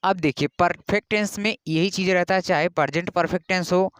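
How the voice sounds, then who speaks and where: A man from India teaching English grammar in a patient classroom style, repeating key rules and spelling words out slowly. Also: high voice, a bit bright, smooth, no room sound.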